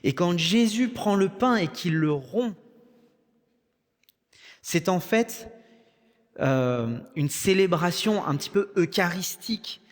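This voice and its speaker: A man's voice: high voice, expressive, slow, long pauses. A young man with a French accent preaching a sermon in a conversational way, with joking asides. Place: church hall. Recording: long church reverb.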